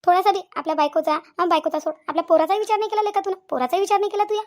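A woman with a Vidarbha Marathi accent voicing a middle-aged village aunt in a cartoon, scolding loudly and repeating herself. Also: very high voice, fairly even intonation, fast. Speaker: aunt Shanta. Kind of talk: cartoon dialogue acting.

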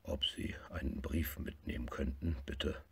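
A man voicing a slow, gruff little male bear in a storybook reading, low and often half-whispered, with a gravelly, husky voice. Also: a bit bright, heavily acted. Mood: gentle.

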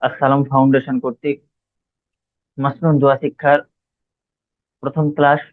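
A man's voice: mid-range voice, level tone, no room sound. Man teaching prayers over tinny audio. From Bangladesh. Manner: slow, drawn-out recitation of Arabic words between explanations. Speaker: religious teacher. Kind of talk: recorded Arabic pronunciation lesson. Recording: dry, phone-like lo-fi audio.

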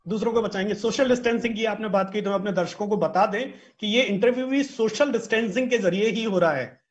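A man in his thirties with a high voice interviews a guest over a video call. His questions are polite and long, and he fills the gaps with hesitant fillers. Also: a little fast, lo-fi sound. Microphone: video call with earphones.

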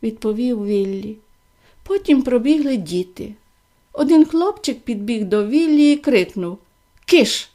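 A woman gently and expressively reading a children's fairy tale aloud. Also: on the high side, lively intonation, measured pace. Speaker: storyteller.

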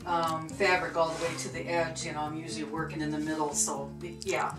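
A chatty, easygoing woman co-hosting a vlog shows off her small indoor home sewing room, which sounds echoey. Her voice is deep, fairly quick and completely flat, with many ums and you-knows, and music plays in the background.

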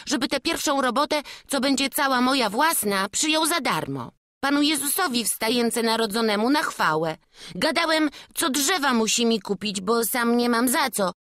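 A woman's voice: sits high, a bit bright, no echo, studio quality, pitched above the performer's own voice. A woman reading an audiobook, voicing an earnest, humble young apprentice boy with rustic old-fashioned speech. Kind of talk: audiobook character voice.

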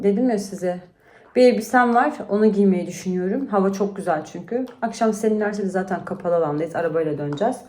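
At home indoors, a mother vlogs casually to camera, sounding tired as she chats and vents about her day. Her voice is medium-pitched and darkish, recorded in an echoey room with faint noise.

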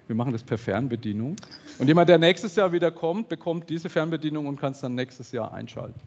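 A man's voice: on the high side, lively intonation, a little fast, darkish tone, a little hiss or hum. A man co-hosting a conference in a casual, joking way, with some hesitations, in a large hall with an audience. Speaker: conference co-host. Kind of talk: conference moderation. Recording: dull sound with long hall reverb and audience.

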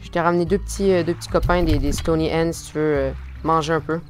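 A man with a Quebec French accent giving casual let's-play commentary, full of fillers and restarts, with sudden excited outbursts. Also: fairly high pitch, fast talker, soft background music. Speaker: gaming video host.

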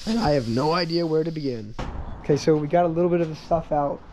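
A young man who is losing his voice, talking excitedly as he goes through a storage unit he bought to resell. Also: on the high side, slight background noise. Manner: excitable, quick exclamations. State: losing his voice, squeaky in spots. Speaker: online reseller, channel host. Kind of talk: casual vlog narration.

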